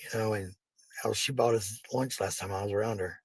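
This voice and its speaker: This middle-aged man's gravelly, husky voice sits on the low side as he talks casually to his viewers, going on bluntly and profanely and repeating phrases for emphasis. His tone is steady, his pace a little fast, and the recording dry.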